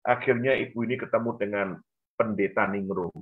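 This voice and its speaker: A man, telling a lively story with acted-out voices on a church talk show. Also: on the low side, brisk. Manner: animated, acts out voices in his story. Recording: dull lo-fi sound.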